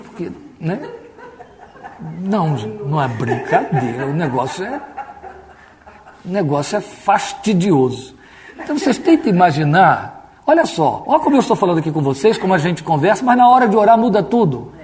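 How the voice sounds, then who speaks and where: Higher-voiced Brazilian pastor, conversational. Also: male voice, sing-song, moderate pace, darkish tone. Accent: Brazilian Portuguese. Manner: conversational, mimics stiff pompous prayer voices. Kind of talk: Bible study sermon.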